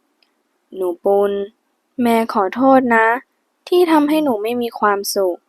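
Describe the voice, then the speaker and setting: A woman voicing an older mother who speaks in a soft, shaky, apologetic way in an audiobook. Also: a little high, animated, slow pace, no room sound. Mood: sorrowful. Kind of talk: audiobook character voice.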